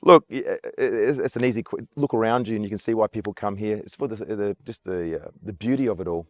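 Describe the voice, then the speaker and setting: An Adelaide-born tour guide from South Australia talks fast in a lowish voice while answering interview questions outdoors on an island. Casual, earnest and full of enthusiasm, he keeps repeating his praise. The recording sounds muffled but has no echo.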